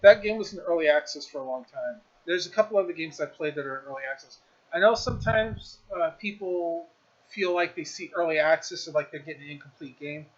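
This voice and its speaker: Guy streaming a game review, kinda high voice, rambles and restarts a lot, slightly muffled audio. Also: fairly quick. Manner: rambling, many fillers and restarts. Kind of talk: casual game review chat.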